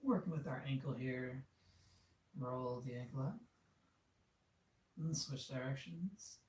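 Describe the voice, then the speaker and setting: Male yoga instructor, mellow and easygoing, cueing poses in an echoey room, heard from a distance. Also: mid-range voice, slow. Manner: relaxed, encouraging, with fillers. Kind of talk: guided yoga class instruction. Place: studio room. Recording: echoey room, far from mic.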